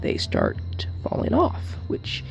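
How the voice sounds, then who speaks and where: A man giving a casual hands-on tutorial, thinking aloud in a halting way as he works, with wry humour. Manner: thinks aloud while working, halting, wryly joking. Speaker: hobbyist demonstrating an electronics hack.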